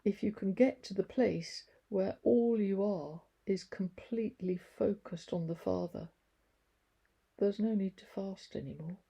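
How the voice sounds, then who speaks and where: A woman reading as calm, patient Jesus. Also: high-pitched, unhurried, gravelly, breathy edge, full character voice. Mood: calm explaining. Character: calm, patient grown man, Jesus, explaining gently.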